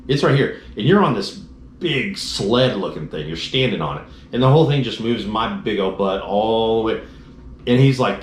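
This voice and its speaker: A man casually recounting his motorcycle crash and trip home, acting out the voices of the people in his story. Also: fairly low pitch. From Dallas-Fort Worth area, Texas. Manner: animated storyteller, acts out quoted dialogue. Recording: roomy echoey room, faint noise.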